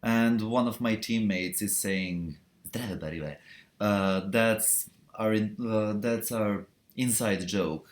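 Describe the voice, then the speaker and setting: A man's voice: fairly low pitch, fairly even intonation, takes it slowly, few pauses. A young man, chatting casually on a live stream and answering viewer questions, rambling with lots of fillers, restarts and laughs. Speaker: cosplayer hosting a live stream Q&A.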